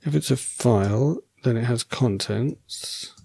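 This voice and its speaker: His voice going, a programming tutor talks through his code in a relaxed, wry manner and corrects himself as he works. He takes it slowly with a medium-pitched, gravelly, slightly rough voice, and the recording is dry.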